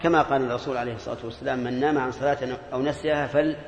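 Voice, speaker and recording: A man's voice: medium pitch, fairly even intonation, very fast, dull audio. A man giving a classroom lecture, explaining points and quizzing his students with rhetorical questions. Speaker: teacher. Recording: echoey hall with long reverb.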